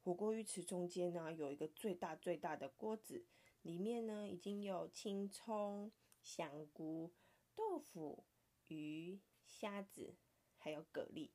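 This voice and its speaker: Reading a picture book to her child, a woman with a Taiwanese Mandarin accent sounds playful and animated, sometimes slipping into a soft whisper. She speaks slowly in a lowish voice.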